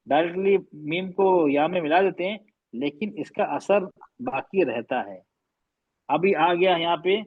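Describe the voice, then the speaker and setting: A man teaching a recitation class, patiently explaining and slowly drawing out and repeating recited words. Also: a little high, husky, no room sound, highs cut off.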